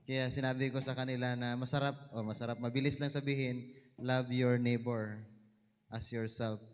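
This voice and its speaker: Visayan-accented man, middle pitch, animated church testimony, echoey hall. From Mindanao, Philippines. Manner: animated storytelling, voice rising at dramatic moments. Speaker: church member giving testimony.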